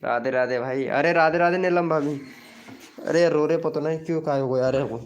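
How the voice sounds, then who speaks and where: A man's voice: on the high side, fairly quick, lo-fi sound, a little hiss or hum. A man hosting a casual live stream at home, greeting viewers and reading the chat aloud. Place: indoors at home, child beside him.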